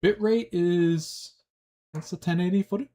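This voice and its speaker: Reacting to his chat on a livestream, a young Long Islander with a New York accent talks in a loose, animated, slangy way. He has a high voice and keeps a measured pace.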